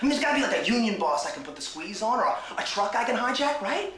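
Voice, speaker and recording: An eager wannabe gangster in a sitcom. He talks fast with a lively voice. The sound is roomy. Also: high voice. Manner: eager, rambling. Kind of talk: sitcom acting.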